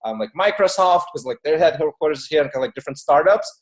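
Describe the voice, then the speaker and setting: A fast-talking, animated man with a fairly high voice shares casual stories as an interview guest. Ukrainian-born, he came to the US at age eight, and his relaxed, informal talk is packed with fillers, especially "like."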